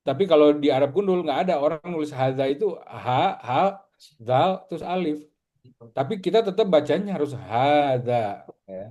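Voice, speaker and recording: A man from Indonesia teaching a casual Arabic lesson, patiently repeating words slowly for his students. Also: fairly high pitch, expressive, warm tone, highs cut off.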